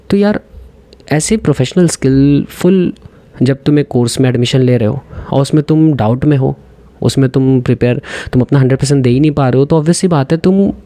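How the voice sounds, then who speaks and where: Earnest young man with a mellow voice. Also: medium pitch, no room sound. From India. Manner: direct, earnest, mixes in English phrases. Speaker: dental student giving advice. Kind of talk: casual advice vlog.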